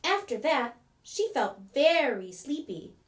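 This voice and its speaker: A woman narrating a children's fairy tale from a script, with expressive storybook emphasis. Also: high voice, slow.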